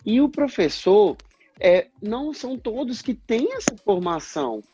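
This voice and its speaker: A Brazilian man with a Brazilian Portuguese accent talks through his experience in an earnest, explanatory way, often acting out old conversations. His voice is husky and sits at an ordinary pitch. The audio is dull and lo-fi, like an online call, with faint music underneath. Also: big pitch swings, measured pace, warm tone. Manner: earnest, explanatory, acts out past dialogues. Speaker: speech therapist guest. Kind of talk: livestream interview talk.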